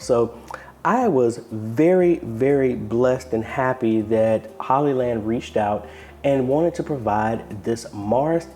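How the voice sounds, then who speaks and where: This American video host, also part of a church media ministry, has a medium-pitched, mellow voice. He runs an informal, unscripted unboxing review from inside his apartment, thinking out loud as he goes.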